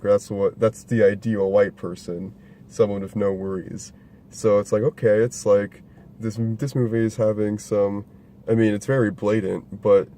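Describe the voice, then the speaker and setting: Young male co-host, low mellow voice, loose rambling movie chat, faint hiss behind. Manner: rambling, laughs often, swears casually. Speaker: podcast co-host reviewing a movie. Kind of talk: casual chat. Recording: faint background noise.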